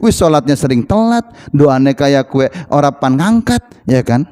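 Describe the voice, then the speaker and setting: A man's voice: medium pitch, big pitch swings, moderate pace, mellow. A middle-aged man with a Tegal Javanese accent preaching a sermon to a congregation. He jokes and teases his listeners, then chants Arabic verses. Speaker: ustadz preacher. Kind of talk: sermon at a Sunday morning study gathering.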